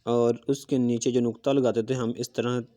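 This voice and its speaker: Male calligraphy teacher, soft dark voice, walks students through each stroke patiently. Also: medium pitch, level tone, normal speed. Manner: patient step-by-step explaining, often checking in with "okay"; talks while demonstrating strokes with a marker. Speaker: handwriting teacher. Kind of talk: recorded calligraphy lesson.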